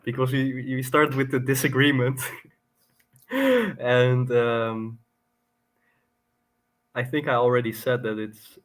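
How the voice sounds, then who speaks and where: Slightly tipsy man, halting casual talk. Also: medium pitch. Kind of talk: casual philosophical conversation.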